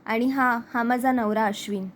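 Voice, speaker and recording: A scheming young wife who lies to defend herself, voiced plainly by a woman narrator. Her voice is bright and fairly high. The lines are read steadily rather than acted. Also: steady tone, normal speed, a little hiss or hum, close to an everyday voice. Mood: defensive. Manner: plain reading of quoted lines.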